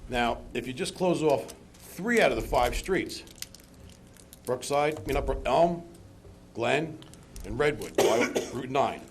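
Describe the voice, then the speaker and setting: A man's voice: mid-range voice, animated, takes it slowly, long pauses. A man speaking as a resident at a town council meeting, rambling and colloquial as he argues about local traffic. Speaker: resident speaking at public comment. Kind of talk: public meeting comment.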